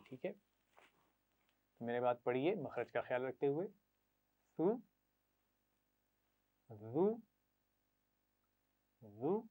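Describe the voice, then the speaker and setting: Man, children's reading teacher, patient, repeats sounds slowly, frequent praise, mid-pitched voice, tinny narrow sound. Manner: patient, repeats syllables slowly for pupils to echo. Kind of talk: classroom lesson to children.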